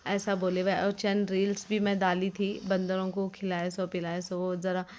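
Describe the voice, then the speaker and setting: A woman's voice: mid-range voice, completely flat delivery, moderate pace, darkish tone. A young woman, vlogging in a rambling, complaining, chatty way with lots of fillers. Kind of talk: casual vlog narration.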